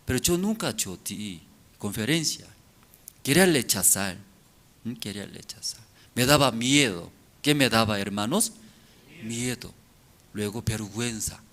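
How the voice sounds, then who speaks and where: A male pastor with a foreign accent in his Spanish, preaching slowly and often checking in with his congregation. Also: medium pitch, animated, fairly bright tone. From outside Bolivia. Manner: slow, halting, constantly checking in with the listeners. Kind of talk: sermon to a congregation.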